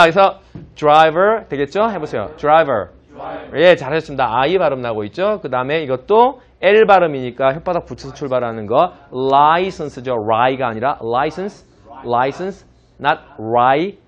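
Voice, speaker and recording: Male pronunciation teacher, slightly high voice, patient explainer who drills the class, dull lo-fi audio. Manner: explains patiently, models English words slowly; asks the class to repeat after him. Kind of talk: classroom lecture.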